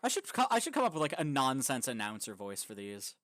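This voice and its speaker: A man hosting a live stream in casual chat, playful and quick to restart his sentences. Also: medium pitch, wildly swooping pitch, fairly bright tone, dry recording, studio quality. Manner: playful, trails off into restarts and laughs. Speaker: livestream host.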